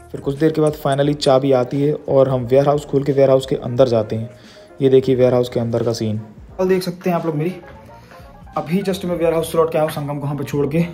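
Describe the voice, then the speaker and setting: A man's voice: medium pitch, mellow. A young man chatting casually into a phone held at arm's length, rambling straight to his viewers in a daily vlog. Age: young adult. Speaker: vlogger. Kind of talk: casual vlog chat to camera. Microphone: phone camera held at arm's length.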